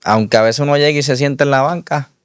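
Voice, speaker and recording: A man, an interview guest, giving a measured, reflective faith testimony that repeats its key lines. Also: mid-range voice, smooth, dry recording, studio quality.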